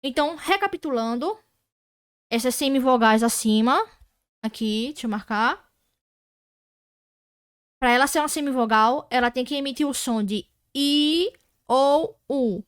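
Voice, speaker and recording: A Brazilian woman teaching an online Portuguese grammar lesson, patiently repeating words slowly and checking that students follow. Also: high-pitched, clean tone, no room sound, studio quality.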